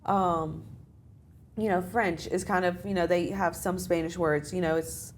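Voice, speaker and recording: A woman's voice: on the low side, fairly even intonation, measured pace, a little hiss or hum. A young American woman, a student, chatting casually in an interview with lots of filler phrases. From United States. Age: young adult. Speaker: study abroad student guest.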